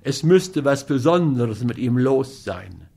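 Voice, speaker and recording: A man voicing a sly, wary gambler who speaks in a slow, knowing way. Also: medium pitch, very animated, gravelly, dark tone, husky, heavily acted.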